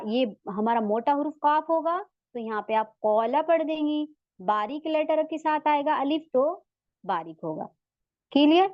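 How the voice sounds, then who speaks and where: High-voiced woman teaching slowly. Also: no echo, lo-fi sound. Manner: patient, repeats each sound several times as a drill; keeps checking in with the learners as she explains. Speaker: Tajweed teacher. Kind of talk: recorded online lesson.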